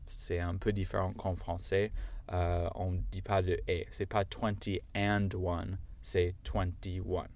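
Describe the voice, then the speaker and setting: Slow, low-voiced male language teacher. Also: level tone, a little mellow. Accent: American English speaking French. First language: English. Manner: patient, explains step by step. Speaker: English teacher. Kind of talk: language lesson.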